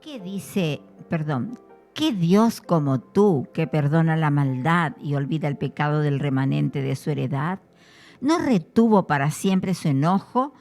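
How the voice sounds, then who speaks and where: A woman reading scripture aloud in a measured, solemn way. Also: low voice, expressive, darkish tone, faint music behind. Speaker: scripture reader.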